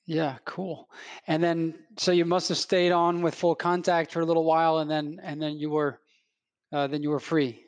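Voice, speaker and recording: Male podcast host, a touch high-pitched, relaxed questioning, dry close sound. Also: moderate pace, no echo. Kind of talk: podcast interview.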